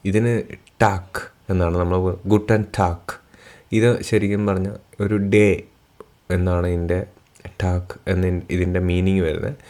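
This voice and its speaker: A man with a very low voice gives a beginner's language lesson. He moves slowly through each pronunciation rule. He says every example word several times over. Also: a little mellow. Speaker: German language teacher.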